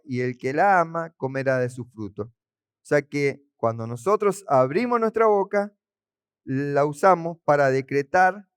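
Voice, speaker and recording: A male pastor preaching a sermon, teaching verse by verse and asking his listeners questions, slowing down to stress key words. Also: fairly high pitch, clear, resonant tone, no room sound, clean studio sound. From Argentina.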